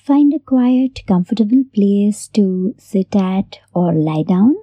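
A woman hosting a guided meditation in a soft, breathy near-whisper, gently giving unhurried instructions with long pauses. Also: medium pitch, no echo. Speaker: meditation host.

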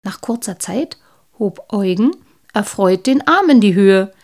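A woman reading her own children's Christmas story aloud, lively, lifting her voice for the children's lines. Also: mid-range voice, measured pace.

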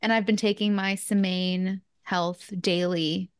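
A woman's voice: mid-range voice, steady tone, a little slow, clean tone, dry recording, studio quality. A woman co-hosting a podcast, chatting casually and upbeat about her health routine. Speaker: podcast co-host. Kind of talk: casual chat.

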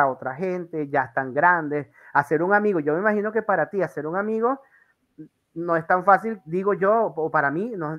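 A man's voice: fairly high pitch, lo-fi sound. A Venezuelan man hosting an interview, chatting casually and telling rambling stories with lots of fillers. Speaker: interview host.

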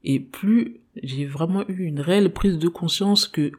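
Young woman podcast host, mellow tone, earnest and thoughtful, pausing often to find words. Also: fairly low pitch, husky. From Congolese descent. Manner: thoughtful, earnest, with frequent hesitations. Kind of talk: personal monologue.

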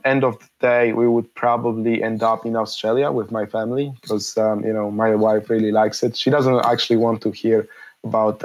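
On a low-quality recording, a Polish man in his thirties, whose first language is Polish, answers interview questions. His medium-pitched voice is hesitant and reflective, full of fillers and restarts.

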